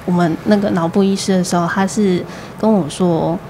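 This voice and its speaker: A woman's voice: lowish voice, slight background noise. A woman, a mother telling her baby's story in casual conversation and acting out what the doctor said. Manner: animated storytelling, acts out the doctor's slow replies. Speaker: guest, mother of a premature baby.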